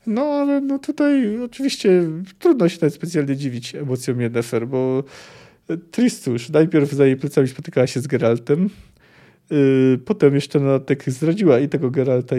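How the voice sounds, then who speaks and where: A man's voice: medium pitch, dark tone. A man hosting a book podcast, talking casually with frequent fillers and self-corrections. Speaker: podcast host discussing a fantasy novel. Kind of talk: casual book commentary with read-aloud passages.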